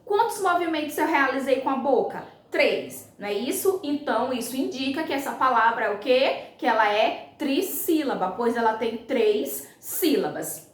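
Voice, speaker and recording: A woman teaching a class of young schoolchildren, patient and slow, spelling words out clearly and checking in with the pupils. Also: high-pitched, animated, roomy sound. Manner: patient, slow and clear, ends phrases with "tá bom?". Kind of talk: recorded remote class lesson.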